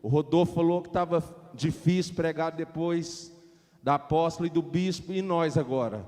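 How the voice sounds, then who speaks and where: A man preaching in a Pentecostal church with a Brazilian accent, switching between fervent shouted prayer and chatty asides. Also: on the high side, normal speed. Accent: Brazilian Portuguese. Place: church hall. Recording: church hall reverb with faint music.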